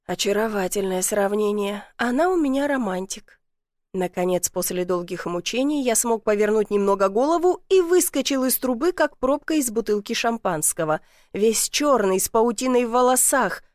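A woman reads a first-person story aloud as an audiobook, with a wry storytelling manner. Her voice sits fairly high. The recording is dry and close. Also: lively intonation, moderate pace, a little mellow, no echo. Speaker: narrator. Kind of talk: audiobook narration.

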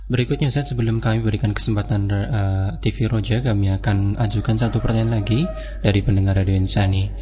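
A man's voice: lowish voice, fairly even intonation, quick pace. A man moderating a radio religious program, politely reading out listener questions in a formal way. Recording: dull lo-fi broadcast sound.

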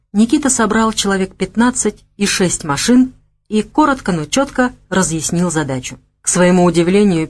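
This is scripted audiobook narration by a woman whose voice sits in the middle range. Her delivery is expressive but carefully paced.

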